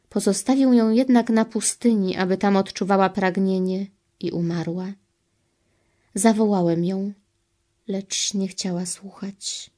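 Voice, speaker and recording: A woman reading the part of Jesus as a grieving, pleading divine man, solemn and measured. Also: mid-range voice, warm tone, natural voice. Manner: solemn, sorrowful, slow and measured. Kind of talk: devotional reading.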